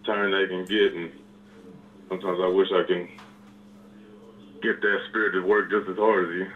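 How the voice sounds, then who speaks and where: A man's voice: low-pitched, little pitch movement, moderate pace. A man calling in to a radio show, speaking plainly and unhurriedly. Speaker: caller. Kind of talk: call-in phone conversation. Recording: tinny phone line with hiss.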